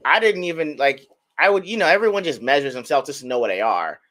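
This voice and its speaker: A man's voice: a little high, lively intonation, fast talker, a bit bright. A man in his thirties, a podcast co-host, telling rambling, self-mocking stories in casual chat.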